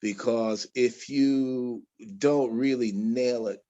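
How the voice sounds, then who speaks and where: A man, a guest bladesmith, talking haltingly with restarts in a casual interview over a video call. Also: mid-range voice, steady tone, dark tone, lo-fi sound. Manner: halting, with many restarts and fillers.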